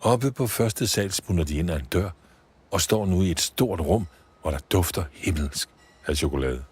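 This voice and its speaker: A man reading a Christmas story for children, with expressive storybook narration. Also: low voice, a little hiss or hum.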